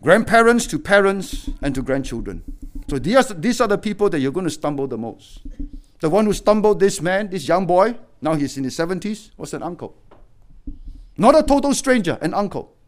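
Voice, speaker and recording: A middle-aged male pastor delivering a sermon in a fairly high voice. He preaches emphatically, rising into loud, urgent appeals and then dropping to quiet, grave warnings. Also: animated, brisk.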